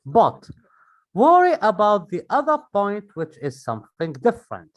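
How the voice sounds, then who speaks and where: English, slow, lively rising and falling pitch, emphatic, repeats points, online class. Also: highs cut off. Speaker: IELTS speaking teacher.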